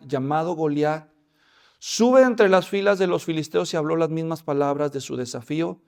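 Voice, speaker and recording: A pastor preaching a sermon, telling the story in an animated way and addressing listeners as brothers. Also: male voice, a little high.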